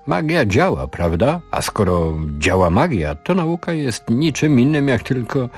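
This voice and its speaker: A man's voice: medium pitch, very animated, unhurried, breathy edge, faint music behind, pitched above the performer's own voice, heavily acted. Renoir, a man voicing a proud medieval alchemist. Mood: declaiming. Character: proud, gloomy medieval French alchemist, middle-aged man.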